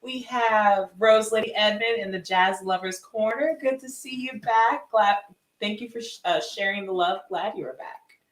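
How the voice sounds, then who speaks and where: A woman's voice: mid-range voice, moderate pace. An older woman co-hosting a live stream, cheerfully greeting viewers by name and laughing often. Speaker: co-host. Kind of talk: live-stream shout-outs. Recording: echoey room, far from mic, faint noise.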